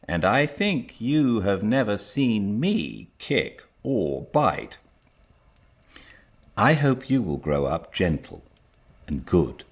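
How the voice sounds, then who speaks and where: A man voicing a gentle, wise mother horse in a storybook, earnestly instructing her foal. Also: low-pitched, slightly rough, exaggerated voice. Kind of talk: storybook character reading.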